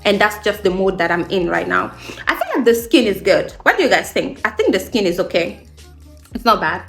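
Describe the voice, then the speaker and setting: A beauty vlogger from Guinea in her late twenties chats in a casual get-ready-with-me video, upbeat and emphatic, repeating phrases to encourage viewers. Her medium-pitched voice is animated, a little fast and a bit bright, with soft background music.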